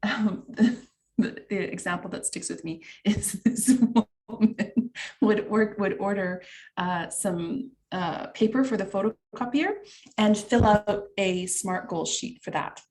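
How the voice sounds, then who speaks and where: Teaching an online workshop over a video call, a middle-aged Canadian facilitator talks in a chatty way, using many fillers and making asides to the chat. She speaks slowly in a mid-range voice with a darkish tone.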